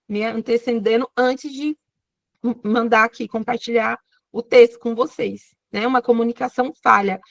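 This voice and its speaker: A woman's voice: on the high side, vocal fry, a bit bright, no room sound, lo-fi sound. Brazilian woman teaching over a video call. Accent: Brazilian Portuguese. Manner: addresses listeners directly, checks in often. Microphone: computer or phone on a video call.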